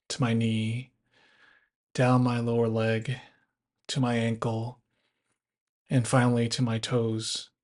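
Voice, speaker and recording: A man with a mid-range, darkish voice leads a body scan meditation as an instructor, giving measured instructions in the first person.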